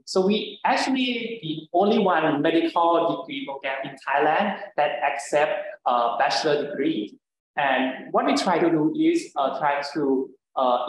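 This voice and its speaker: A man speaks in a slightly raised voice, presenting an online information session as a faculty doctor. He talks haltingly, with fillers and restarts. The sound is very echoey, with clear background noise. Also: on the high side.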